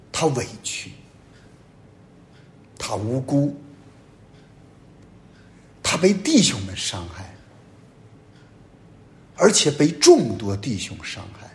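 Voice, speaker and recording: Male priest, fairly high voice, very animated delivery, emphatic homily with loud peaks and hushed drops. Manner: emphatic preaching, sweeping rises and drops in pitch and loudness.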